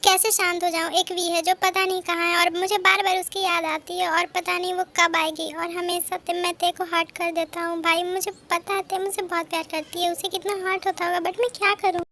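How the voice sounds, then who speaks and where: A woman's voice: very high voice, level tone, fairly quick, few pauses, pushed and bright, exaggerated voice. A woman voicing a confused, guilt-ridden young man who questions himself in anguish in a fan audio drama.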